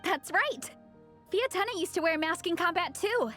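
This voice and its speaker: Gung-ho young club captain, very high and lively, quiet music behind; game cast. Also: female voice, normal speed. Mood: eager. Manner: enthusiastic, earnest. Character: eager young woman leading a fan club. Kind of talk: game dialogue.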